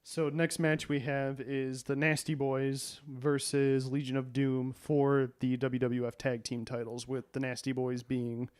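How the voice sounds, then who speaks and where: A man co-hosting a podcast, chatting in a relaxed, amused way. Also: mid-range voice, a little slow, few pauses, clear, resonant tone. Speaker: podcast co-host. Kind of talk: casual chat.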